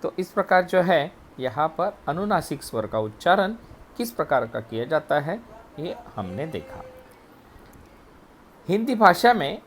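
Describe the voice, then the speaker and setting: A man teaching a grammar lesson, explaining letters and sounds slowly, step by step. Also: fairly high pitch, slight background noise. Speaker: Hindi teacher. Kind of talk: recorded classroom lesson.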